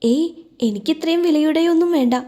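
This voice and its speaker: A woman's voice: high voice, a little fast, mellow, pitched above the performer's own voice, close to an everyday voice. Woman voicing a shy, wary young woman. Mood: startled.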